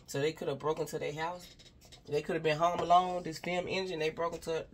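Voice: mid-range voice, flat delivery, a little fast. A spiritual advisor gives a casual, rambling reading to viewers. The speaker keeps repeating "you know what I'm saying," addresses an unseen person directly and sighs between thoughts.

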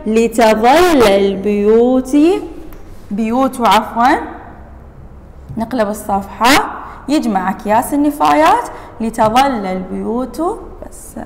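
Iraqi woman teacher, high voice, slow drawn-out reading, reverberant room. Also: expressive. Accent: Iraqi Arabic. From Iraq. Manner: slow deliberate reading, stretching words, quizzing pupils. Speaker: primary school teacher. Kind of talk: reading lesson for young pupils.

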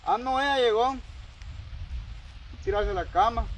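A man with an extremely high voice tells a long, rambling story about a personal dispute, speaking unhurriedly and casually. He acts out both sides, leaning heavily on quoted dialogue. The audio is poor, with slight background noise.

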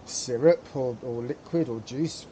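A man's voice: medium pitch, unhurried, warm tone, slight background noise. A man hosting a casual how-to demonstration, talking hesitantly with many fillers and repeated words. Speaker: pipe tobacco hobbyist, channel host.

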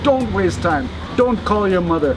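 A man's voice: high-pitched, animated, moderate pace, music in the background. An older man in his seventies giving an informal expert interview, plain-spoken and emphatic, repeating his advice. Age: older, 70s. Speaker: snake expert, interview guest. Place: outdoors, open-sided thatched shelter and park entrance. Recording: loud outdoor ambient noise.

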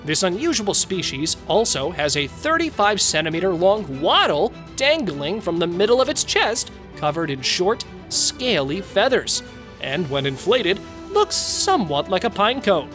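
A man reading scripted nature documentary narration as a presenter, in measured phrases. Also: high voice, sing-song, a bit bright. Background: music.

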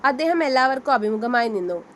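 Woman reading a story aloud, slightly high. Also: expressive, fairly quick, a little hiss or hum. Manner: reads all the characters' dialogue in her own voice. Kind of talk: scripted story narration.

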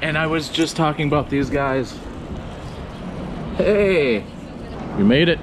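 A young man hosting a casual travel vlog, chatting easily and thinking out loud as he walks around the city. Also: fairly high pitch, expressive, takes it slowly. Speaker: vlogger. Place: city streets outdoors. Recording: loud street noise. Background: loud traffic noise.

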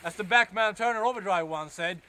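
A man's voice: sits high, fairly quick, pushed and bright, a little hiss or hum. A young man presenting to camera outdoors in the snow, joking around in a playful way. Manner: playful, jokey. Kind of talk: jokey outdoor piece to camera. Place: outdoors in snow by a wooden house.

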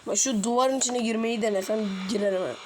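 A woman's voice: on the high side, quick pace. A young woman hosting a gaming video, chatting casually and getting exasperated with the game. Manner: exasperated, chatty, laughs in frustration. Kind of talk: casual gameplay commentary. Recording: noticeable background noise.

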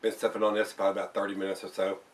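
A man's voice: low-pitched, completely flat delivery, racing, recorded from a distance. An older man casually reviewing a beer to camera in his home bar, rambling with fillers and restarts. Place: home bar room, indoors.

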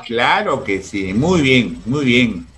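A man's voice: mid-range voice, big pitch swings, takes it slowly, fairly bright tone, slight background noise. A man running a casual online interview over a video call, chatty and full of fillers. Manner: chatty, many fillers like "pues" and "este".

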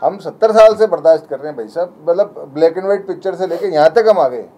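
A man's voice: high voice, dark tone. A young man speaking to the press as a community spokesman, pleading and indignant. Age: young adult. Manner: pleading, indignant, rapid and emphatic. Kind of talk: impassioned press statement.

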